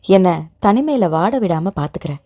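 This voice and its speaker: A woman voicing a tender, gently scolding young lover. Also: high voice, animated, moderate pace, no echo, studio quality. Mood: tender reassurance. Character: young man, loving and protective fiancé.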